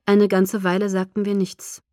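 This is a woman reading a novel aloud in the first person, in a calm, quiet storytelling manner. Her voice sits at an ordinary mid pitch. The recording is dry and close, with no room sound. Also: moderate pace, no room sound. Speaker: audiobook narrator. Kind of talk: first-person scripted narration.

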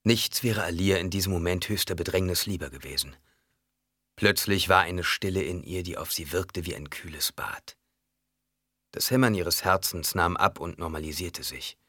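Low husky man narrating an audiobook in a measured, dramatic way, bright-edged voice. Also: no echo, clean studio sound.

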